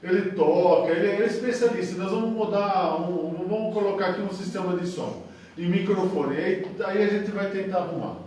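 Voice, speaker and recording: A man's voice: high-pitched, normal speed, a little mellow, heavy reverb, slight background noise. A man leading a group lesson, explaining with everyday examples and hesitant fillers, recorded on a camera mic from a distance. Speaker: discussion leader, teacher. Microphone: camera mic, speaking from a distance.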